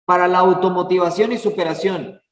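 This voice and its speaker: A man's voice: sits high, fairly even intonation, fairly quick. Man teaching in an echoey hall. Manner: chatty, many fillers, asks the class for words. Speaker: church class teacher. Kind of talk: informal church lesson. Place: church hall. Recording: echoey hall, far from the mic.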